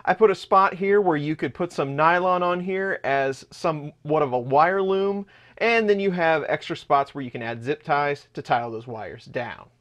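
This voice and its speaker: A man's voice: a little high, normal speed, fairly bright tone. A man in his thirties hosting a hands-on 3D printer build vlog in his home workshop, explaining parts as he shows them. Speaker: channel host.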